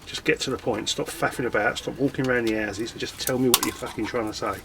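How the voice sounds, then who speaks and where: Man, casual rambling chat, self-mocking, middle pitch, loud workshop clatter. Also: steady tone, quick pace, vocal fry, very noisy. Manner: chatty, self-mocking, muttering while working. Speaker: scrapping vlogger. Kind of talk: casual chat while working.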